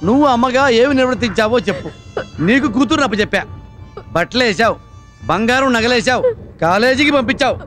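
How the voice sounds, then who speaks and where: A nagging politician husband. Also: male voice, very high-pitched, expressive, a little fast, a bit bright, soft background music. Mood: lecturing. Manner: nagging, lecturing, mock-pleading. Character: bossy middle-aged husband, local politician. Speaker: film actor. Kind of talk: Telugu film comedy acting. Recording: film soundtrack with background score.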